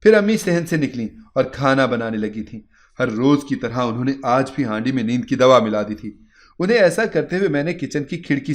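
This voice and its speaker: A man reading a first-person moral story in a steady, earnest narration. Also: mid-range voice.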